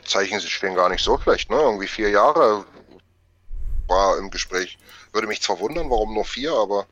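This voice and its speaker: A man hosting a casual German-language podcast chat, often chiming in with quick affirmations. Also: on the low side. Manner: relaxed, quick affirming interjections. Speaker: podcast host. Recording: dull, dry home mic.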